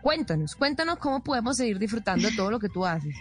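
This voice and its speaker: A woman's voice: a little high, sing-song, quick pace, faint music behind. Enthusiastic Colombian coastal woman host. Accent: Colombian Caribbean coast. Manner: enthusiastic, effusive. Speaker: radio host. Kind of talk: casual radio interview.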